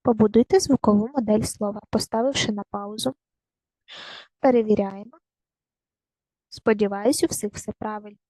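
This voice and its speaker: A woman teaching a recorded primary school lesson, giving clear, patient step-by-step instructions to young children. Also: mid-range voice, fairly even intonation, normal speed, long pauses, warm tone, dry recording, low-quality recording.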